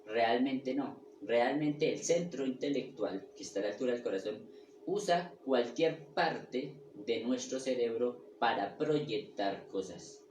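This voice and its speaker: A man teaches a spiritual class in a halting, repetitive way, often pausing to check that his listeners follow. He sounds echoey and set back from the mic, with a faint hum of room ambience behind him. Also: mid-range voice, lively intonation, darkish tone, recorded from a distance. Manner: halting, with restarts and repeated words. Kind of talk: lecture on the ego and personality.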